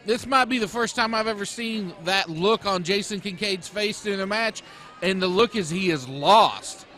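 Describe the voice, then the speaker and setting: A man's voice: high-pitched, normal speed, sharp tone. A man working as a wrestling color commentator, reacting to the match in an emphatic, dramatic way. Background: crowd at a wrestling event.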